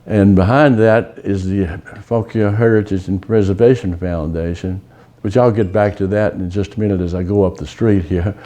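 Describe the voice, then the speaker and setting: Older man with a low, mellow voice. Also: steady tone. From Virginia, US. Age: 80s. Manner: unhurried, folksy, many pauses and fillers. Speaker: local resident sharing memories. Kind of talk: casual reminiscing. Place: outdoors on a town street.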